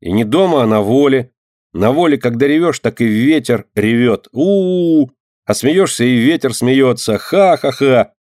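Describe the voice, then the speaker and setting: A man voicing a lively, stubborn little girl in an audiobook, his voice raised and eager. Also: medium pitch, moderate pace, no room sound, clean studio sound, close to an everyday voice. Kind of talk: audiobook character voice.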